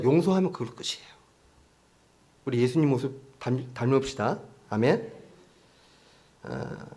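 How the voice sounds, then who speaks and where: A man's voice: mid-range voice, darkish tone. A male pastor preaching a sermon in a church, talking conversationally, often asking the congregation questions and acting out quotes.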